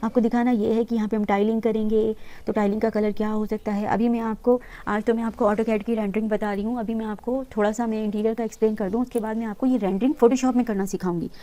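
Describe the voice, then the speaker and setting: Patient woman teaching software, mellow voice. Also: a little high, little pitch movement, quick pace, few pauses. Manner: patient, talks viewers through each step, mixing English terms into her talk. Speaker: interior design instructor. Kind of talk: screen-recorded software tutorial.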